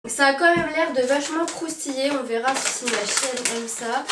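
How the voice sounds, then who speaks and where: A woman's voice: sits high, normal speed. A woman vlogger chatting casually through a dog box unboxing, hesitant, with many fillers and restarts. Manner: speaks affectionately to her dog. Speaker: pet vlogger reviewing a dog subscription box. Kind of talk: casual unboxing chat to camera. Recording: roomy echo, mic at a distance, faint noise.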